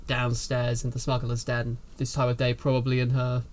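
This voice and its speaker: A frightened nobleman, all stammering courtesy and barely hidden fear, as a man puts him on at a tabletop game. He trips over his words and keeps things painfully polite. The pitch sits right in the middle. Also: completely flat delivery, normal speed, slight background noise, close to an everyday voice. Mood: nervous. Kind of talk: voicing a character in a tabletop game.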